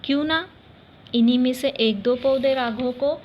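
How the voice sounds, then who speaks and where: A woman voicing a loving mother who gently calls her son to dinner in a children's story. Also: a little high, slow pace, highs cut off, a little hiss or hum. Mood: coaxing.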